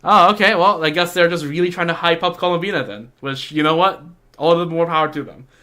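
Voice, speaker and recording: A streamer with a medium-pitched, brisk, pushed and bright voice chats informally about a video game like a slangy fan. The livestream mixes casual talk with reading the game's dialogue aloud.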